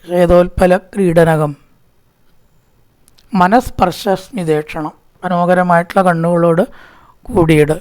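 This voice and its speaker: A man teaching scripture, slowly chanting Sanskrit verses and then explaining each one in relaxed, conversational speech. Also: sits high.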